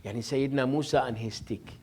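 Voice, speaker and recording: A man's voice: mid-range voice, steady tone, quick pace, darkish tone. A man, a sheikh giving an informal religious lesson, telling stories, joking and laughing, and acting out dialogue. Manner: conversational, jokes and laughs, acts out dialogue.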